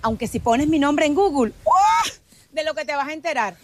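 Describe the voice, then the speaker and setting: A woman's voice: high voice, animated, moderate pace, a little hiss or hum. A Venezuelan woman giving a playful, dramatic self-introduction as a recorded greeting. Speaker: guest sending a recorded greeting.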